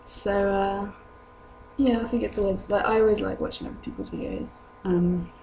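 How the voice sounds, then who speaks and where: This young adult British vlogger has a medium-pitched, mellow voice, steady in tone and moderate in pace, though lowered by a sore throat. Chatting casually and hesitantly to camera, she rambles through viewer questions over a humming, noisy home recording.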